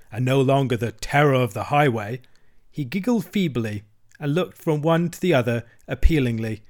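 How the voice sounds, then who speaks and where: A man reads a classic children's story aloud at an even, measured pace. His narration is expressive but steady. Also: medium pitch. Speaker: reader.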